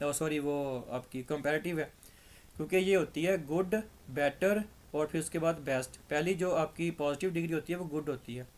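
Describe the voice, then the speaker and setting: Pakistani man teaching grammar, fairly high. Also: moderate pace. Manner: patient, step-by-step explaining, repeats examples. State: dry throat. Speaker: English teacher. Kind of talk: grammar lesson.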